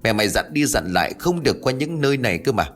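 A man's voice: medium pitch, sing-song, quick pace, a bit bright, soft background music. A man voicing a worried old village man who talks brusquely and scolds the young ones in a ghost story. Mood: scolding.

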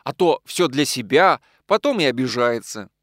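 A man reading a kind, modest gentleman. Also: medium pitch, lively intonation, normal speed, no room sound, studio quality, lightly acted. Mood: reasoning. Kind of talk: audiobook character reading.

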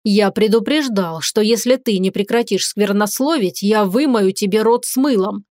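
A stern dragon lord and husband, as a woman reader puts him on, lecturing in slow, weighty, commanding tones. Clean, dry audiobook sound with no room around the voice. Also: mid-range voice, a little mellow, no room sound, close to an everyday voice.

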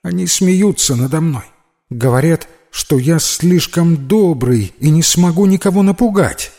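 A man voicing a shy, kind little ghost boy who stammers in a thin, high voice. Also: animated, measured pace, warm tone. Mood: earnest. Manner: timid, polite, easily upset. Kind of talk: audiobook character voice.

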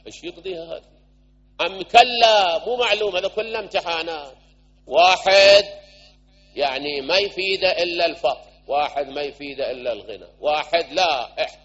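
Man preaching a sermon, muffled sound. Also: a little high. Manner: storytelling with shifting loudness. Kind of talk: religious sermon. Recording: dull lo-fi recording.

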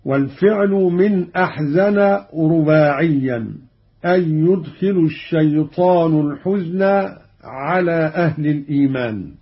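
A man giving a scripted radio lesson on recitation, explaining slowly and chanting the quoted verses. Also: fairly high pitch, husky. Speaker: radio presenter teaching Quran readings. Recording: dull lo-fi radio archive.

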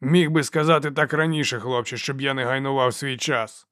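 A man reading an audiobook voices a coarse male slave guard who haggles and mocks in a loud, jeering way. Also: medium pitch, moderate pace, dry recording, studio quality, lightly acted. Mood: jeering, haggling.

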